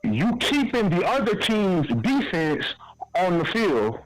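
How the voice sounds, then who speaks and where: Slow-talking laid-back sports caller. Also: male voice, sits high, sing-song, low-quality recording. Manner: laid-back, folksy sayings. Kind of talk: casual sports call-in talk. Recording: phone-in call with music behind.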